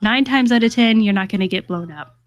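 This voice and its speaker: A woman's voice: mid-range voice, a little fast, no room sound. Giggly young woman chatting on stream. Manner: giggly, chatty, self-deprecating. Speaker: guest. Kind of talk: casual livestream chat.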